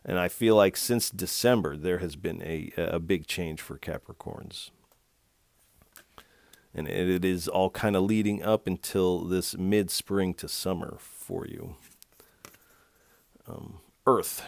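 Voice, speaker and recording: A man with a very low voice gives a tarot card reading. He speaks gently and reflectively, addressing the listener directly. The sound is dry and close, with no room echo. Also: slow pace, gravelly, pauses often. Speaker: tarot reader.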